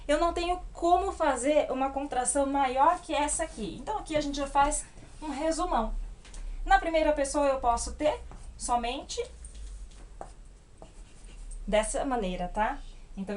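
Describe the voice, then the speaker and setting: A fairly high-voiced woman with a Brazilian Portuguese accent leads a whiteboard grammar lesson. She talks patiently, keeps checking in with short tag questions, and slows down to spell out each English example. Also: slight background noise. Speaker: English teacher.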